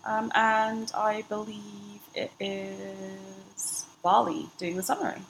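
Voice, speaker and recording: A woman's voice: mid-range voice, flat delivery, slow, vocal fry, a loud crowd, poor audio. Playful woman hosting a book podcast. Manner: organized, playful, steering the chat. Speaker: podcast host moving the discussion along. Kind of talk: casual book discussion. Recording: noticeable background noise.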